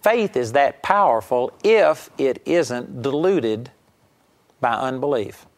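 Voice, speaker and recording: A man's voice: mid-range voice, animated, slow. A middle-aged man preaching a sermon, telling stories emphatically and acting out raised voices. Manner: emphatic storytelling preaching, acting out quoted shouts.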